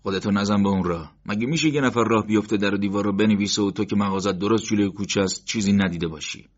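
A man's voice: lowish voice, lightly acted. A man doing a menacing interrogator. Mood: threatening. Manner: threatening, sneering, insistent. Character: menacing male secret-police interrogator, adult. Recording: dull lo-fi recording.

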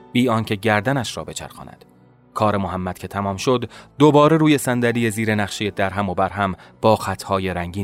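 Man, first-person audiobook narration, measured dramatic delivery, faint background music. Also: fairly low pitch.

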